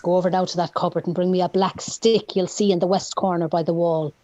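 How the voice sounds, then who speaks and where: A woman's voice: lowish voice, flat delivery, quick pace, mellow, dry recording, lightly acted. A woman reading the part of a bitter old husband who is faking his death, grumbling and complaining. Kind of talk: play reading.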